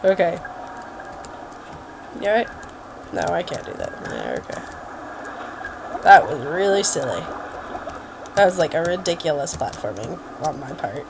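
Chatty woman gaming, lively pitch. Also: moderate pace, pauses often, noisy background. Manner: chatty, jokey, exclaims and mutters to herself. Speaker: let's play gamer. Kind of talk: casual gameplay commentary.

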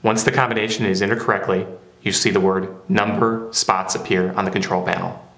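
A man's voice: fairly low pitch, steady tone, brisk, creaky, a bit bright. A man narrating a step-by-step product how-to in a plain, methodical way. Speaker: product demonstrator. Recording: roomy echo.

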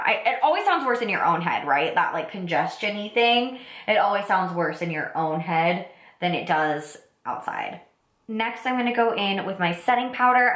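Raspy-voiced young woman chatting makeup. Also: mid-range voice, fairly bright tone. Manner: chatty, enthusiastic product talk. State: lingering cold, slightly raspy congested voice. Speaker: beauty vlogger. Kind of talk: casual get-ready-with-me makeup talk. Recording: roomy echo.

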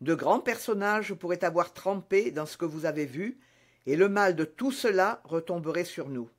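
A man's voice: high voice, lively intonation, moderate pace. A man voicing a young impetuous musketeer hero, speaking with urgent earnestness in a storybook reading.

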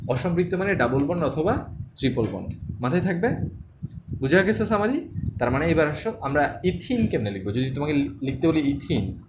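A man's voice: a little high, very animated, fairly quick. A man teaching chemistry to a class, asking questions and repeating the answers. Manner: quizzes students with repeated questions. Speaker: chemistry tutor. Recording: noisy screen-recorded class.

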